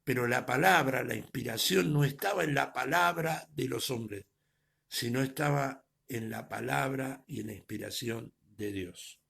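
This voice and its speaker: Gravelly-voiced man preaching with loud swells. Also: mid-range voice, a little slow. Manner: swings between loud emphatic peaks and near-murmured trailing words. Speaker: pastor. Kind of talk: sermon. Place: preaching to an online audience.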